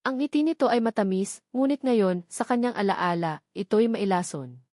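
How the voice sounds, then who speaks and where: A woman with a Filipino accent narrates a scripted, dramatic romance story. Her mid-range voice is a little mellow, with lively intonation and a moderate pace. The studio recording is clean, with no room sound.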